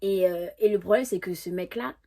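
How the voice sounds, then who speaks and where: Husky-voiced young woman telling a story. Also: medium pitch, fairly quick. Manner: lively, animated, repeats words for emphasis, laughs often; imitates an English accent when quoting. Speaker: storyteller vlogger. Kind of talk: casual storytime monologue.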